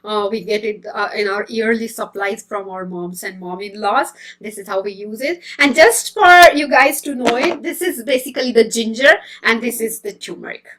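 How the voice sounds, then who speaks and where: A woman hosts a casual live stream, her voice sitting a little above the usual range. She talks in a friendly, chatty way, pausing often with ums and uhs and restarting sentences. She greets viewers by name as she goes. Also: a little high, a bit bright. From India. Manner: chatty and hesitant, many fillers and restarts. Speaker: host of a healthy-eating live stream.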